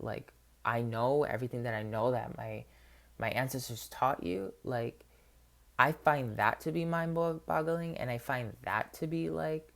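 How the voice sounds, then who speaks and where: A man's voice: medium pitch, vocal fry, fairly bright tone. Earnest man sharing a personal testimony. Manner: earnest, heartfelt, heavy with filler words; candid and open. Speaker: spiritual healer.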